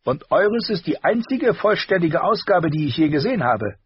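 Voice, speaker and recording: A man voicing a sardonic, sharp-tongued male noble in a storybook reading, raised high above his own voice, on a dull dry recording. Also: very animated, normal speed, breathy edge, no room sound. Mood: instructive. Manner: cutting, scolding.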